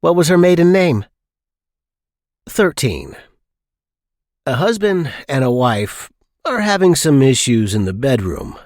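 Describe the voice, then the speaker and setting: A man tells scripted dirty jokes as a countdown, leering, smutty and theatrical, acting out each bit of dialogue. His voice is medium-pitched, recorded cleanly in a studio with no echo.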